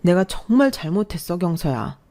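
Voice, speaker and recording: A woman's voice: lowish voice, very animated, normal speed, mellow. A woman voicing a wheedling husband who begs his wife for forgiveness in a spoken drama story. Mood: pleading. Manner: pleading, wheedling. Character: pleading wheedling young husband.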